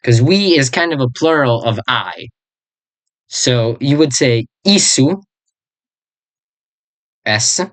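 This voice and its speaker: A person with an expressive, mid-range voice gives a laid-back lesson on an invented language. Their delivery rambles, with pauses to find words, self-corrections, and slow repetitions of terms, all recorded without echo.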